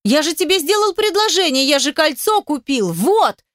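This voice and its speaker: A woman's voice: on the high side, expressive, normal speed, no echo, studio quality, close to an everyday voice. Woman doing a whiny, pompous ex-husband. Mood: shouting. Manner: grumbling, offended, self-pitying. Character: whiny self-important man, the narrator's ex-husband.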